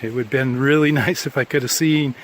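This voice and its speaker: This medium-pitched male voice is steady, fairly quick and a bit bright. He's a hiker vlogging on a mountain trail, tired after a long walk, rambling casually and plainly over faint hiss.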